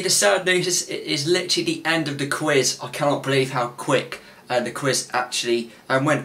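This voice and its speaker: Hosting a casual quiz for the camera, a twenty-one-year-old man speaks in a fairly high, slightly bright voice that's growing tired. He rambles from his small bedroom with a gaming desk, full of fillers and false starts.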